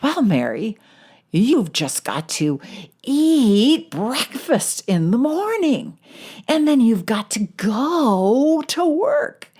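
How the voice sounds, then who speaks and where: A woman playing an excitable, dim-witted male TV anchorman, speaking in an animated way. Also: fairly high pitch, takes it slowly, breathy edge, voice pushed up, heavily acted. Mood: excited. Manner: animated, excited, sing-song.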